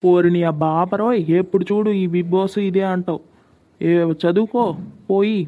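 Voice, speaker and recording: A woman voicing a stern cartoon father who scolds his son gruffly. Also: fairly low pitch, fairly even intonation, normal speed, phone-quality sound, natural voice. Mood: scolding. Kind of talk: cartoon voice acting.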